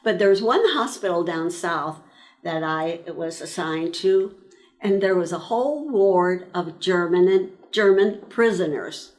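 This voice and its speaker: A woman in her nineties from eastern Pennsylvania, slowly recalling her years as an army nurse in an interview, pausing often between phrases. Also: on the low side, animated, a little mellow. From eastern Pennsylvania, USA. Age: 90s. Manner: slow, reflective storytelling with frequent pauses. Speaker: interviewee, World War II army nurse veteran. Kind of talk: reminiscing in an oral-history interview.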